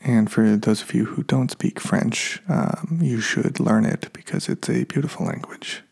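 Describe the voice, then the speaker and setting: A man's voice: on the low side, measured pace, gravelly, a little mellow, husky. A man with an American accent hosting a podcast in a casual solo chat. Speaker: podcast host.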